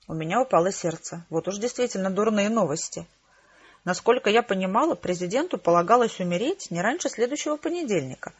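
A woman narrating a novel in the first person with a steady, measured reading. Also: mid-range voice, breathy edge, lo-fi sound. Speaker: audiobook narrator.

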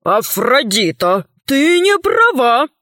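A woman's voice: a little high, big pitch swings, unhurried, fairly bright tone, no echo, studio quality. A woman voicing a fat old man who speaks to his daughter in a reproachful tone.

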